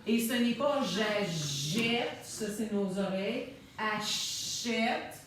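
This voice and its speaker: A woman teacher, slowly sounding out syllables in a phonics lesson for young children. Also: medium pitch, expressive, background noise. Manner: slow, deliberate, sounds out syllables. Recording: echoey room, voice from a distance.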